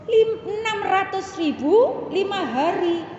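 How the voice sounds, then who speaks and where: A middle-aged woman with a Javanese accent gives a sermon to a women's study circle, telling stories in an animated way and putting questions to her listeners. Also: very high-pitched, slow pace, slight background noise. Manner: animated, asks the audience questions, slips into regional phrases. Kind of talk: sermon with storytelling. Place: hall of a religious gathering. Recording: echoey hall, dull lo-fi sound.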